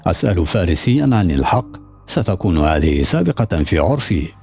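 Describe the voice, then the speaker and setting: A man's voice: sits low, sing-song, a little fast, creaky, soft background music, exaggerated voice. A man voicing a fierce, defiant woman who mocks those around her in an audiobook. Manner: sarcastic.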